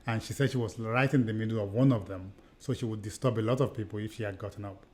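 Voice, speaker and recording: A middle-aged man who grew up in Nigeria speaks with a Nigerian accent, his voice fairly low, quick and darkish. He co-hosts a podcast, telling stories earnestly in conversational discussion, often repeating and restarting phrases.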